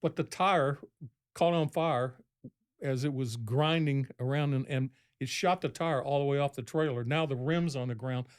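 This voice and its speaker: A podcast guest with a smooth, medium-pitched voice tells a long story casually at a moderate pace. He rambles and acts out what people said in a raised voice.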